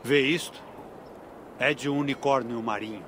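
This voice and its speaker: An actor playing a proud, suspicious Viking warlord in a video game, slurring like a town drunk. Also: male voice, mid-range voice, normal speed, a bit bright, a little hiss or hum, natural voice. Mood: drunken suspicion. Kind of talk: dramatic video game dialogue.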